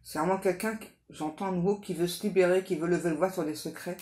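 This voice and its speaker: A woman giving a casual, improvised tarot reading straight to the listener, halting and repetitive, often adding little tag words for agreement. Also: lowish voice, fairly even intonation, a little mellow. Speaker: tarot card reader hosting a guidance channel. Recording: echoey room with faint background noise.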